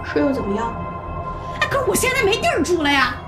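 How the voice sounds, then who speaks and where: Volatile woman on trial, high and jumpy, yells and sobs, tv crime drama. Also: sing-song, fast talker, loud music behind the voice. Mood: defiant shrill. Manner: shrill, defiant, shouting and sobbing. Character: volatile middle-aged woman defendant, combative. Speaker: defendant.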